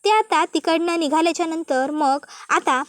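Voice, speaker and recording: Very high-voiced woman narrating a recap. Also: normal speed, dry recording. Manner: steady retelling with frequent connectives. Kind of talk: scripted story recap narration.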